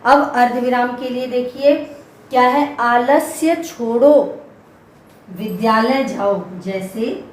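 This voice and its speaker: A woman's voice: fairly high pitch, slow. A woman teaching a grammar lesson for children, patiently repeating example words one at a time. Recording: echoey room with faint background noise.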